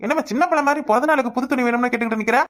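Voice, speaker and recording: A woman as an irritable cartoon husband, brusque, dismissive, quick. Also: a little high, natural voice. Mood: irritated, dismissive. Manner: brusque, dismissive, ordering others about. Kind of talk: cartoon voice acting.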